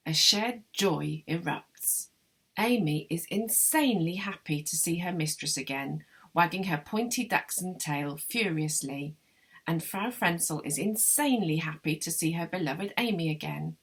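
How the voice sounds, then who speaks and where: A woman reads a literary novel in measured, wry first person. Her voice sits low and carries a gravelly fry. A husky grain runs through it. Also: expressive, fairly bright tone. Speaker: literary translator reading her translation. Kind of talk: literary reading of a novel excerpt.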